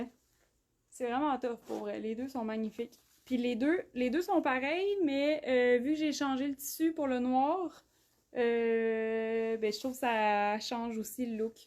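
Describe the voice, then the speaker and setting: A woman with a Québécois accent hosting a live clothing sale, chatty, full of fillers and quick laughs. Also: fairly high pitch, steady tone, a little mellow. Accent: Québécois French. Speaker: clothing brand host. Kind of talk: live shopping stream. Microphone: phone.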